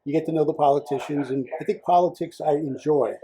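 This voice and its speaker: A man's voice: a little high, fairly even intonation, fast talker, background noise. A man, a political candidate telling his story in a casual interview, rambling with many fillers and restarts. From Rhode Island.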